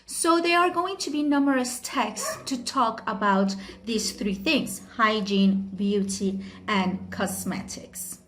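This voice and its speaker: A woman with a fairly high voice hosts a casual history explainer. She talks in a friendly, conversational way and breaks off for quick self-aware asides. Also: a bit bright, slight background noise. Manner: chatty, with frequent asides and light laughs. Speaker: history video host.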